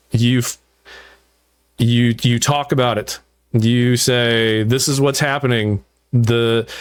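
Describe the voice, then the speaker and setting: A man hosting a podcast, talking at length about writing his song, animated and full of restarts. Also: mid-range voice, clear, resonant tone. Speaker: podcast host and musician. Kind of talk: casual interview chat.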